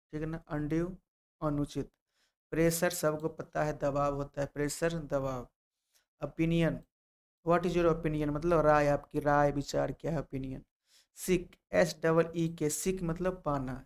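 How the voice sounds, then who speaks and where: Man teaching vocabulary with a smooth voice. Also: on the high side. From Bihar, India. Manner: repeats each word and meaning, spells words letter by letter. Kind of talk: vocabulary lesson.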